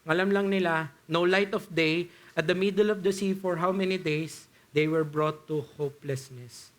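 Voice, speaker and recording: High-voiced Filipino man preaching a sermon. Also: fairly even intonation, a bit bright. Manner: switches between Tagalog and English, reads scripture aloud slowly; conversational, addresses congregation with po, rhetorical questions.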